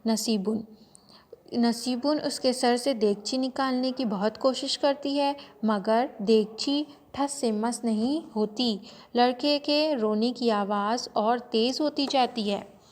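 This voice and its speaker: A woman teacher reading a play lesson aloud to pupils, in a slow and careful voice. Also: on the high side, a little mellow, in a large hall.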